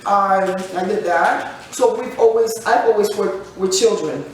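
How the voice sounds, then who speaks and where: A woman's voice: medium pitch, a little slow, slight background noise. A woman in her forties co-hosting a podcast in casual chat, joking and laughing often. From United States. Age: 40s. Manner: chatty, laughs often, jokes. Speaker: podcast co-host. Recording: echoey room from far off.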